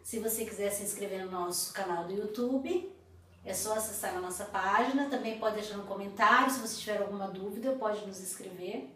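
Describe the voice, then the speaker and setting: A woman teaching French in a language lesson, speaking slowly and carefully so learners can repeat after her. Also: medium pitch, pushed and bright, slight background noise. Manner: slow, carefully articulated drills. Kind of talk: language lesson, slow model phrases to repeat. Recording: echoey room, voice from a distance.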